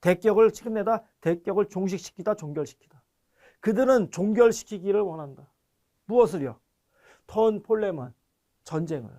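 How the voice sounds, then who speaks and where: Male teacher with a high voice; patient, explanatory online lecture. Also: expressive, dark tone. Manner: explanatory, often checks understanding with questions; reads foreign words slowly and deliberately. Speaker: language teacher.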